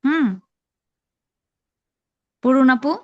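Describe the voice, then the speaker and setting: A woman's voice: sits high, steady tone, extremely slow. A woman teaching Arabic letter sounds in an online class, patiently repeating drills and encouraging her students. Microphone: online call microphone. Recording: dull lo-fi online call audio.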